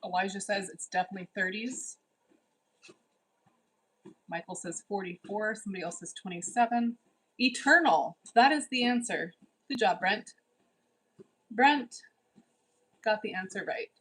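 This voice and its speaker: A woman in her forties hosts a casual livestream and reads out her viewers' comments. Her voice is husky and sits at an ordinary pitch. She teases them and firmly scolds anyone who gets out of line. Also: a little slow, pauses often, fairly bright tone, rough recording. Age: 40s. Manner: teasing, bossy, scolds viewers. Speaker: livestream host. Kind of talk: casual live chat reading.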